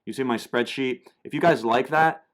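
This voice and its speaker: This American man, a YouTuber, breaks down German rap lyrics casually, rambling and often starting his sentences over. He speaks at a normal speed with a medium-pitched voice.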